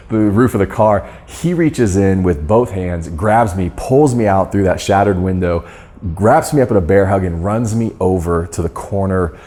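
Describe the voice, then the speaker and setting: Speaking low with a slightly mellow quality, a man gives course members a storytelling talk as a guest speaker on dental marketing. He's earnest and keeps restarting sentences.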